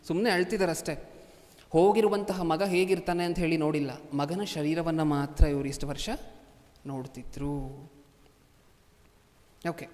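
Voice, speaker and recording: A man's voice: fairly high pitch, mellow. A man preaching a sermon to a congregation, constantly asking them rhetorical questions. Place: large hall before a congregation. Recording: long hall reverb.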